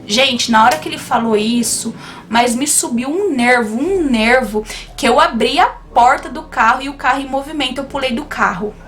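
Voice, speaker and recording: A young woman telling a personal story to her viewers in an animated storytime vlog. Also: high-pitched, normal speed. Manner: animated, keeps addressing viewers as "gente". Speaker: YouTuber.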